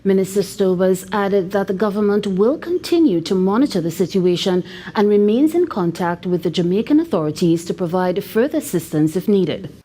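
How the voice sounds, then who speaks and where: A woman reporter reading a news report in a measured, scripted way. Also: mid-range voice, expressive, dark tone.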